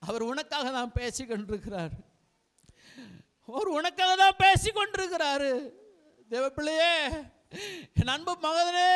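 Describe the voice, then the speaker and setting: A man's voice: very high voice, bright, forceful tone. A male pastor preaching a fervent sermon and leading prayer, pleading with listeners and repeating his appeals to God.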